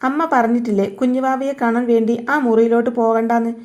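A stern, protective young mother with a firm, scolding delivery, as a woman reads her lines. The voice is somewhat high. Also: level tone, brisk, darkish tone, close to an everyday voice.

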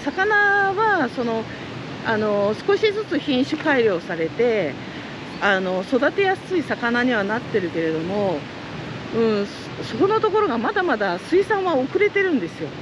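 In an outdoor interview next to the ponds of the trout farm she runs, a middle-aged woman from Japan speaks in a chatty, earnest and lively manner, using lots of fillers. Her voice is a little high and unhurried, against a noisy background.

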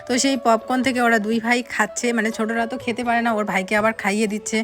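A woman vlogging her home day as a mother of two boys, chatty and tired, at times speaking softly. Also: a little high, flat delivery, fast talker, over music. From Bengal. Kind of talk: casual home vlog narration.

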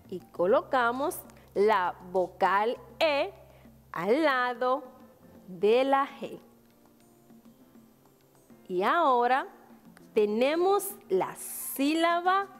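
A woman's voice: a little high, long reverb tail. A woman with a Dominican Spanish accent teaching a virtual class to young children, spelling out syllables patiently and answering her own questions. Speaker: primary school teacher.

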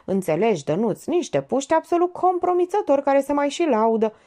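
Woman reader doing a smug preachy notary, pitched up, lively swoops, audiobook. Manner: theatrical, preachy, sentimental. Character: pompous middle-aged male notary, sanctimonious schemer. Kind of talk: audiobook character voice.

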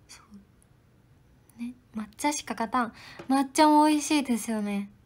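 Young woman, idol trainee, livestream chat, polite and friendly, soft whispered asides, slightly high voice. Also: lively intonation, slow. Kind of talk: casual livestream chat answering viewer comments.

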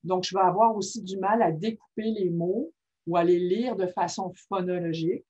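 A woman's voice: on the low side, moderate pace, breathy edge. A woman giving an informal teaching talk, often checking in with her listeners. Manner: checks in constantly with "ok?", lively and informal. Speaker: workshop presenter on reading disorders. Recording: muffled lo-fi recording.

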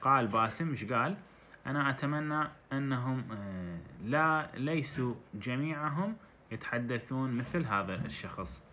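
Bright-voiced Iraqi man teaching English. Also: mid-range voice, lively intonation, slight background noise. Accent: Iraqi Arabic. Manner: reads English lines slowly, then translates into dialect. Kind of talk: explaining a textbook story.

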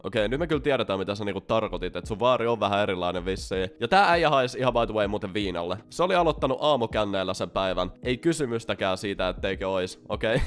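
A man's voice: on the low side, animated. A young man in his early twenties, telling a story in a chatty, slangy vlog style with some swearing. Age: young adult. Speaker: vlogger. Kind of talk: casual storytime.

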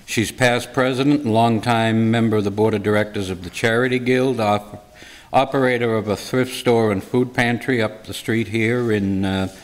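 A man in his sixties making announcements and introducing a guest speaker at a church luncheon, unhurried and pausing often with uhs. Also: on the low side. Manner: unhurried, with many uhs between phrases. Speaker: series organizer and local historian. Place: church hall stage before a red curtain. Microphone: stand microphone at a lectern. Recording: long hall reverb.

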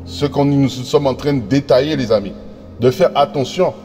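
A man preaching a sermon, reading scripture slowly and often stumbling over repeated words and fillers as he addresses his brothers and sisters. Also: mid-range voice, mellow, in a large hall, soft background music. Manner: reads verses slowly and deliberately.

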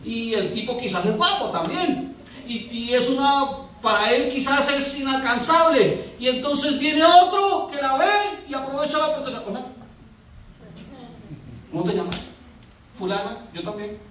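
A man with a very high voice preaches in a church, animated and theatrical as he acts out scenes in different voices. The sound is very echoey and a bit distant, as if miked from the back of a large hall. A faint hiss of room noise sits underneath. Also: moderate pace. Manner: animated storytelling, acting out little scenes in shifting voices. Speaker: pastor. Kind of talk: sermon.

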